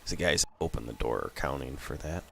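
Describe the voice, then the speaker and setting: A man with a sick voice giving relaxed, casual commentary over his own gameplay, thinking aloud as he plays. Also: rumbling low, fairly quick, gravelly, a little hiss or hum. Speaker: gameplay video host.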